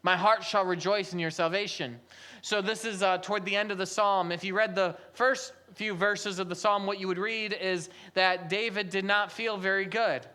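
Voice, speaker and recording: A pastor delivering a sermon with a mid-pitched voice, pressing the point through repeated phrases and rhetorical questions. The delivery drops soft and low, then climbs into raised, emphatic bursts. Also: fairly even intonation, moderate pace. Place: church service.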